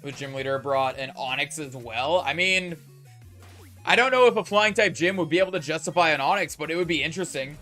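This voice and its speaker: Young man, from Canada, mostly American accent, casual stream chat, rambling fillers, slightly high voice. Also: lively intonation, brisk, pushed and bright, soft background music. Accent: mostly General American, slight Canadian. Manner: rambling, lots of "like" and "uh" fillers, hums while playing.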